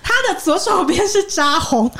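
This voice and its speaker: A woman, hosting a podcast and telling a story in a lively way, often laughing. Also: very high-pitched, normal speed, vocal fry, heavy background noise. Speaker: podcast host. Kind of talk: casual chat, animated storytelling.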